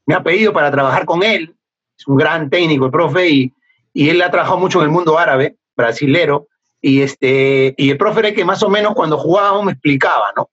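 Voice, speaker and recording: A middle-aged Peruvian man with a Peruvian Spanish accent, telling stories as an interview guest, animated and laughing often. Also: a little high, brisk, slightly rough. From Peru. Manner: animated, laughs often, acts out remembered dialogue. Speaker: guest, former footballer. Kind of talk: casual storytelling interview. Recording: dull lo-fi podcast audio.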